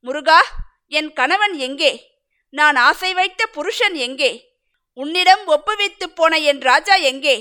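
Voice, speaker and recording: Storybook role: loyal young wife, lamenting, bright and sharp in tone, voiced by a woman narrator. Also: high voice, animated, measured pace, full character voice. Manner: plaintive, lamenting. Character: devoted young village wife.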